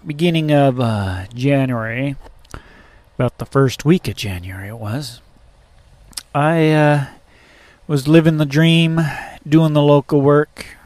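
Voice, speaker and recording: A man rambles through a personal story, swearing freely and tripping over fillers and restarts. His pitch sits in the usual middle range, and the sound is close and dry with no room echo. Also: darkish tone. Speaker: truck driver. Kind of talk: casual storytelling vlog.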